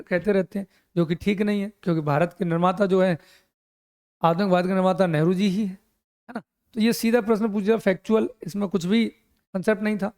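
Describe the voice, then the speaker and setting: A man's voice: high voice, creaky, a little mellow. A middle-aged man teaching an exam coaching lecture, mixing English terms into his explanations and often asking questions and answering them himself.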